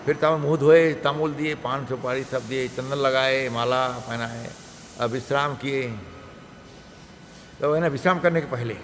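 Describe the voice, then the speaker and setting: A man in his seventies, a monk giving a scripture class, tells a devotional story in a lively way and acts out the characters' voices. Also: medium pitch, unhurried. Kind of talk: storytelling sermon. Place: temple hall. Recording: reverberant hall with faint background noise.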